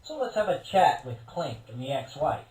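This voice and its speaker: A man's voice: on the high side, sing-song, moderate pace, a little mellow, reverberant. An actor playing a smug, condescending male police superior in a video game, sarcastic and patronising. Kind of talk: video game character acting.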